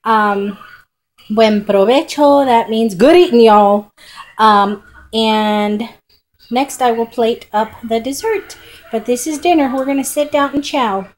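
A woman's voice: a little high, slow pace, low-quality recording. A middle-aged woman, chatting folksily to viewers while demonstrating a recipe in her home kitchen, recorded on a camera close by on the counter. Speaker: home cooking vlogger. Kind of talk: casual cooking demonstration.

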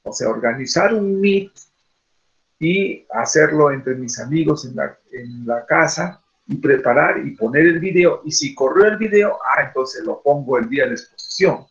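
A man's voice: a little high, animated, moderate pace, a bit bright, lo-fi sound. A man teaching an online class, rambling with many fillers and rhetorical questions. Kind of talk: classroom talk over a video call.

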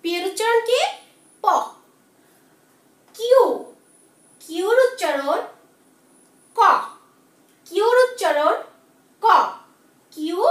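Slow, high-voiced woman teaching the alphabet. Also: fairly bright tone. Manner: slow, repeats each sound, asks questions to pupils. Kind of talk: children's English alphabet lesson. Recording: echoey room, voice from far off.

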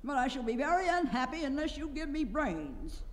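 A woman's voice: high-pitched, sing-song, normal speed, pitched above the performer's own voice. A woman voicing a wistful, gullible scarecrow who pleads in an aggrieved way in a storybook reading. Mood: pleading. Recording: long hall reverb, clear background noise.

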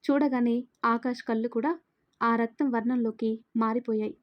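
A woman's voice: a little high, steady tone, normal speed, dull audio. Woman narrating a dramatic story.

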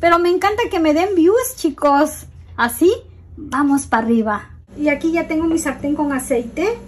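A middle-aged Mexican woman with a Mexican accent, hosting a casual cooking video and talking frankly and warmly to her viewers as friends. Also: high voice, normal speed. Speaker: cooking channel host.

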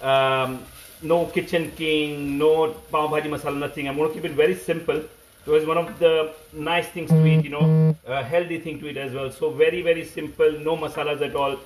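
A man in his thirties with an Indian accent hosts a casual cooking livestream. His voice sits a little high, and he repeats short phrases as he chats to viewers. The room around him is clearly echoey. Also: little pitch movement, a little fast. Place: home kitchen, indoors. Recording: echoey room, phone mic.

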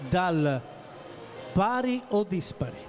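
A man's voice: sits high, sing-song, takes it slowly. A man hosting a live quiz, announcing with suspense and giving short projected commands. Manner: Italian quiz host, announcing and building suspense; projecting, directing children with repeated short commands. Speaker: quiz show host. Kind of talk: live event hosting to children and audience. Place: busy indoor shopping centre atrium. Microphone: handheld microphone. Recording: live PA with music and crowd noise.

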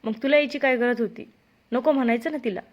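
A woman reading the part of a playful, quick-tempered young husband in a story, scolding loudly when irritated. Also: fairly high pitch. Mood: angry. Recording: dull lo-fi recording.

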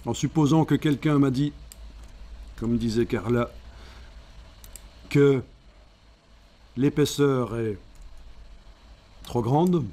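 Man teaching software, mellow voice. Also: mid-range voice, slow pace, long pauses. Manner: explains step by step, thinking aloud with fillers. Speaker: software instructor. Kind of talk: screen-recorded software tutorial.

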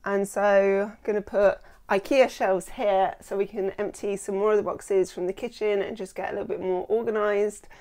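A woman's voice: medium pitch, level tone, normal speed, darkish tone. Chatty woman with a lapel mic. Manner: enthusiastic, chatty, lots of ums. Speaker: home renovation vlogger. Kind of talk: casual vlog narration. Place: house under renovation, indoors.

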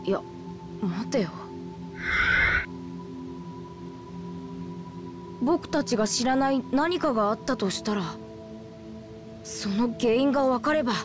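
A woman's voice: on the high side, animated, normal speed, close to an everyday voice. A woman voicing a skeptical young boy spirit in a video game, with casual, blunt, boyish delivery. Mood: thoughtful. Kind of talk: Japanese RPG cutscene voice acting. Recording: game soundtrack music behind.

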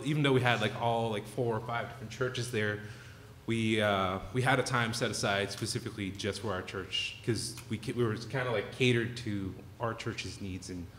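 A young man sharing a relaxed, easygoing testimony at a stand mic on a church stage. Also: lowish voice, moderate pace. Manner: relaxed, easygoing, some restarts. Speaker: youth leader sharing at church. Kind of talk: casual testimony. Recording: echoey church hall, faint noise.

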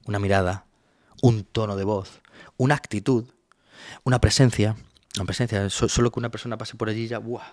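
A man's voice: lowish voice, steady tone, brisk, darkish tone, no room sound, clean studio sound. A man, a psychologist guest, explaining a topic patiently in a webinar and often checking in with his listener.

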